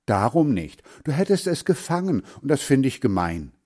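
A man's voice: medium pitch, big pitch swings, normal speed, mellow, voice pushed up. A man reading a storybook aloud, voicing a stubborn boy who scolds his friend for chasing ducklings. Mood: earnest. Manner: scolding, indignant.

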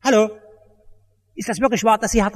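A preacher doing a timid, overly polite pastor. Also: male voice, high-pitched, steady tone, a little fast, natural voice. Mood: hedging. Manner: timid, hedging and formal. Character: fussy, overly polite modern male pastor. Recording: echoey church hall.

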